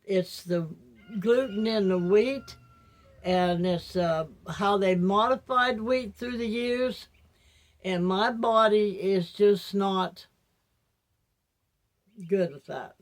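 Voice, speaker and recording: An older woman without her teeth in, talking to viewers in a rambling, reflective, halting personal monologue as a vlogger. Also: mid-range voice.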